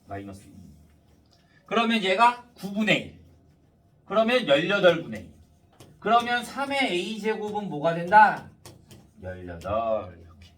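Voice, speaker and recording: A man with a high voice teaches math at an unhurried pace, swinging widely in pitch as he puts questions to students. His speech is a bit slurred and lisping, like a mouth numb after tooth extraction. He sounds somewhat away from the microphone. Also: huge pitch swings, fairly bright tone, recorded from a distance. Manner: didactic, checks understanding often. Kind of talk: step-by-step math lesson with rhetorical questions to students.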